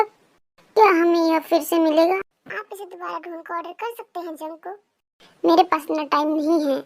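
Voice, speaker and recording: A woman reading a storybook, voicing a stubborn young husband who pleads loudly. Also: very high-pitched. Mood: defensive. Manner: loud, whiny pleading. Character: playful, stubborn young man, loud husband.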